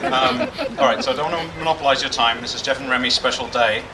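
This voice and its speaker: Guests and crowd noise fill the background as a man with a mid-range voice talks fast through his best man toast, joking in a dry, self-deprecating way. The wedding reception room is noisy and packed, and the mic sits far away.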